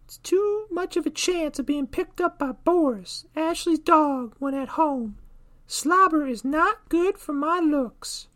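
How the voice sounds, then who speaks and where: Guy doing a squeaky prim mitten girl, kinda vain, way up high. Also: slow, fairly bright tone, full character voice.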